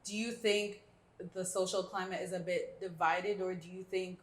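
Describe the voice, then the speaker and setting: A woman's voice: lowish voice, level tone, normal speed. A young woman hosting a panel discussion, poised and reading prepared questions. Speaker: host. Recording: roomy echo.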